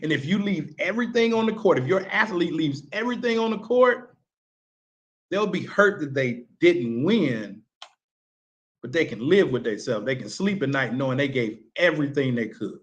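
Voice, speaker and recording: A man's voice: on the high side, expressive, normal speed, lo-fi sound. A male basketball coach giving a casual, motivational talk to sports parents, repeating rhetorical questions for emphasis. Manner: casual, colloquial phrasing.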